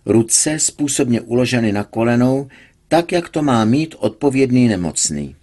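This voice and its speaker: A man reading a serialized novel aloud in a measured storytelling manner. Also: mid-range voice, lively intonation, darkish tone. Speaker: audiobook reader.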